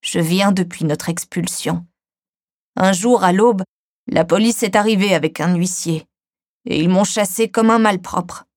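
A woman voicing a frail, grieving elderly man who speaks slowly and weakly. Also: lowish voice, no echo, studio quality. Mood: sorrowful. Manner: slow, weak, quiet delivery.

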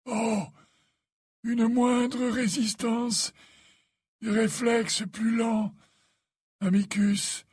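A man reading aloud voices a frail, weakened old male wizard in a soft, faltering voice. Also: very high voice, level tone, very slow, pauses often, husky, voice pushed up, full character voice. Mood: weary, calm. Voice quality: soft and faltering, pleading at the end. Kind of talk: audiobook character voice.

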